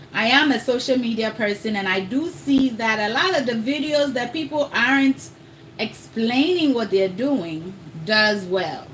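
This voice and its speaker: On a low-quality recording with a faint hiss or hum, a woman hosts a casual cooking livestream and talks right to the people watching, calling them y'all. Her voice is on the high side and a bit bright. Her accent falls between Ghanaian and American.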